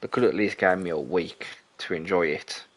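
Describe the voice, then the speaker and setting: A man's voice: deep voice, moderate pace. A young man streaming a hunting game, rambling and chatty as he talks to his viewers, often correcting himself mid-sentence. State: out of breath. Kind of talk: casual gameplay commentary.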